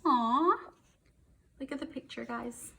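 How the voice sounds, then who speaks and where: Her voice is high, gravelly and sharp, with a breathy edge, and she speaks slowly. In a read-aloud lesson for young children, she explains things to first graders in plain words, emphasizing the important ones.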